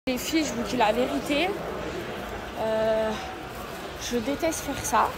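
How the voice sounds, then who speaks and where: A loud crowd surrounds a woman in her thirties as she vlogs for her followers on the go, going from indoors to the car and shops and chatting while repeatedly calling out to viewers. She talks at a measured pace in a voice on the high side.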